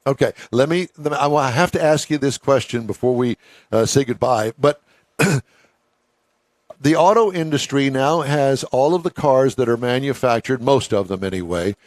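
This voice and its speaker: Jovial radio host, dry studio sound. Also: male voice, mid-range voice, normal speed, a little mellow, no room sound. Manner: jovial, laughs often. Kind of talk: radio talk show.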